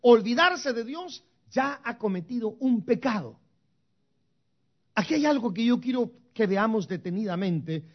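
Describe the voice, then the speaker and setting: A man's voice: very high voice, lively intonation, unhurried, lo-fi sound. A man preaching a sermon, speaking emphatically and straight to the congregation, slipping into English phrases now and then. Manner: emphatic, addresses the congregation directly. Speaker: pastor.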